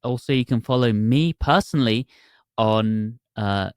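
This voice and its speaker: A man's voice: mid-range voice, a little slow, clear, resonant tone, no echo, studio quality. A man from England, a podcast guest, chatting in a self-deprecating, joking way. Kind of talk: casual chat.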